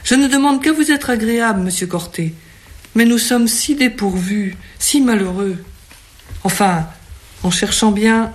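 A reader voicing an anxious woman innkeeper who speaks in hushed, pleading tones. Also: mid-range voice, measured pace, voice pushed up, close to an everyday voice. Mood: fretful.

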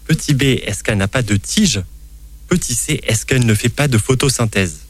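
A man's voice: medium pitch, lively intonation, moderate pace, breathy edge, no echo. Man hosting a science quiz. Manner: explanatory, playful quizmaster. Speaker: science podcast host.

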